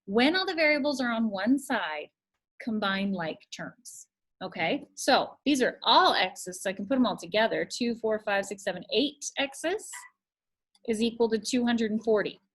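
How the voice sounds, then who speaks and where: A woman's voice: fairly high pitch, animated, normal speed, a bit bright. Patient woman teaching a math lesson. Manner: patient, step-by-step explaining, thinks aloud. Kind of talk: recorded video lesson.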